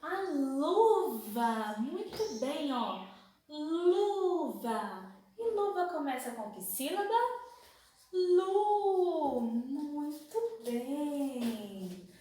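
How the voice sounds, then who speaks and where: A Brazilian woman teaching young children a phonics lesson, asking slow sing-song questions and stretching out syllables. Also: sits high, sing-song, dark tone, very echoey, far from the mic, poor audio. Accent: Brazilian Portuguese.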